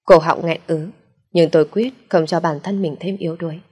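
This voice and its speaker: A woman narrating a first-person audio story in a steady, plaintive way. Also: on the low side, moderate pace, husky.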